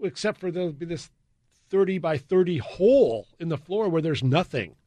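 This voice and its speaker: An American man with flat vowels talks as a radio guest in a casual, folksy way. His voice sits a little high for a man and is recorded very dry. His phrasing is loose and halting. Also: dry recording. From US West Coast. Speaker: guest, garden show organizer.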